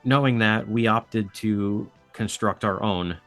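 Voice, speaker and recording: Lowish-voiced man chatting as a podcast guest. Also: slow pace, fairly bright tone, faint music behind. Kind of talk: casual chat.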